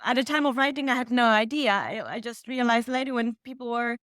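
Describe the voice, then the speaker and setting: A woman's voice: fairly high pitch, a bit bright, dry recording, clean studio sound. A woman in her thirties from Poland, a native Polish speaker, answering interview questions with frequent restarts. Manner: halting, many restarts. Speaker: author guest. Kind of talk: casual interview.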